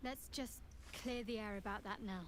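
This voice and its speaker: A woman's voice: medium pitch, fairly even intonation, moderate pace, a little hiss or hum, natural voice. Woman acting a guarded, stoic adventurer. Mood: guarded, dry. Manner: dry, guarded, understated. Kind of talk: video game dialogue.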